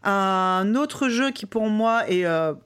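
A woman's voice: mid-range voice, expressive, takes it slowly, clean tone. A woman co-hosting a casual gaming chat, enthusiastic and chatty. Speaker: co-host.

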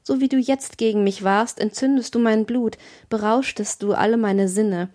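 A woman's voice: on the high side, fairly even intonation, moderate pace, darkish tone, natural voice. A woman reading an audiobook, voicing a lovesick, submissive young man in her own natural voice. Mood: fervent. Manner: fervent, devoted.

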